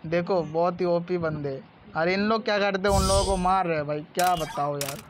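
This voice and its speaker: High-voiced man chatting over game gunfire. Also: fairly quick. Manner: chatty, pleading, frequent viewer appeals. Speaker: gameplay streamer. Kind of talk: casual gameplay commentary. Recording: noisy gunfire from the game behind.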